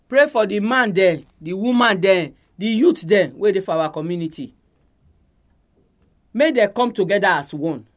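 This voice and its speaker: Nigerian male prayer leader, high-pitched voice, speaking Pidgin to guide a group.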